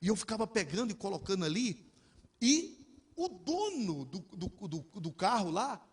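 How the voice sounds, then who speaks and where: Husky guy preaching, emotional story, kinda high pitched. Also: big pitch swings, normal speed. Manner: emotional storytelling, quoting others. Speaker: pastor. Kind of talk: sermon testimony.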